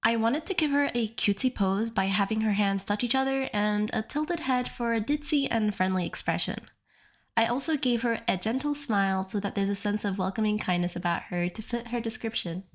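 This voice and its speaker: A woman's voice: mid-range voice, a little fast. A young woman with a sick-sounding voice, narrating her art video in an earnest, upbeat voice-over. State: sick, stuffy voice. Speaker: art YouTuber. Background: soft background music.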